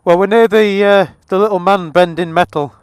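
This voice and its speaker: This motorcycle vlogger speaks with an English accent, his high voice steady and moderately paced, with a clean tone and no room sound. Over the helmet intercom, mostly while riding outside, he rambles a little with dry, jokey humour amid loud wind, engine and road noise.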